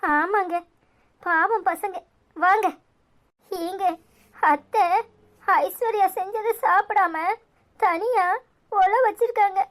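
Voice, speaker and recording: A woman doing a shrill tearful young mother. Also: slow pace, long pauses. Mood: distressed. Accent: Tirunelveli Tamil. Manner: soothing with children, anxious with husband. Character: caring young mother and wife, tearful and self-blaming. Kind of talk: cartoon serial acting.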